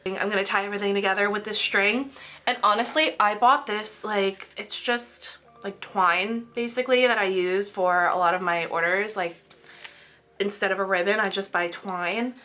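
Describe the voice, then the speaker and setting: A young woman who makes crafts rambles casually as she packs orders, leaning heavily on the word "like." She's tired from a cold, and her slightly nasal, medium-pitched voice sounds pushed and bright, with fairly even intonation, a moderate pace and slight background noise.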